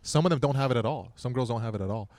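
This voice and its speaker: A man in his thirties, a podcast guest, talking bluntly with lots of swearing and loud laughs. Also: mid-range voice, rapid-fire, no echo. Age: 30s. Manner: blunt, profane, laughs loudly. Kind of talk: crude casual chat.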